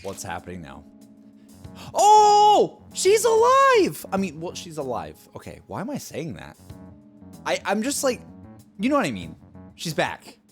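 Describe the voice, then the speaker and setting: A man's voice: medium pitch, wildly swooping pitch, normal speed, faint music behind. A man streaming a game, chatting casually and rambling to his chat. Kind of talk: casual gameplay commentary.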